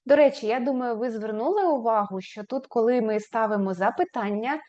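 A woman teaching a beginners' language lesson, modeling phrases slowly and raising her pitch on questions. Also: mellow. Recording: slightly dull, lo-fi recording.

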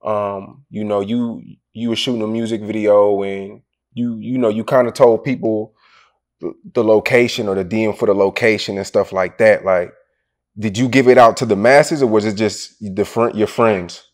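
A man's voice: fairly low pitch, fairly even intonation, moderate pace. A man interviewing a rapper in a casual, rambling way, full of fillers and restarts.

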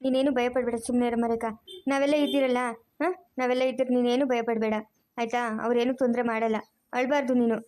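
A warm but firm motherly cartoon woman, voiced by a woman who keeps repeating comfort. She talks quickly in a fairly high voice. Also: level tone, lightly acted. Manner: fast, soothing, repeats comfort.

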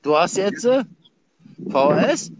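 A man with a Berlin accent hosting a livestream, rambling in slang with shout-outs. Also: high-pitched, big pitch swings, slow, background noise. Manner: slangy, rambling, calls everyone Dicker. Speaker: livestream host.

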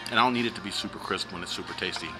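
Chewing man with a low voice. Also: very fast, rough recording. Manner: laid-back, slangy, talks through bites. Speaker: food reviewer. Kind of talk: casual food review vlog. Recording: music playing behind.

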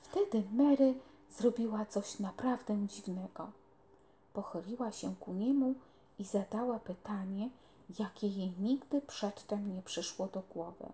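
A woman reading a children's novel aloud in a calm, unhurried way. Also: mid-range voice. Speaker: storyteller.

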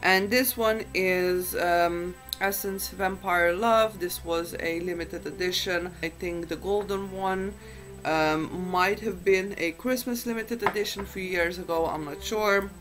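A woman's voice: on the low side, steady tone, unhurried, fairly bright tone, soft background music, rough recording. A woman chatting casually to camera as a beauty vlogger, in a groggy just-woken-up morning voice and a chatty, self-deprecating way.

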